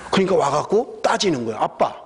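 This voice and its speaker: A man's voice: fairly high pitch, brisk, a little hiss or hum. A middle-aged man from South Korea preaching a sermon as a pastor, telling personal stories and building to emphatic exhortation. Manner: animated storytelling, rising to emphatic exhortation. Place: church sanctuary. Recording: long church hall reverb.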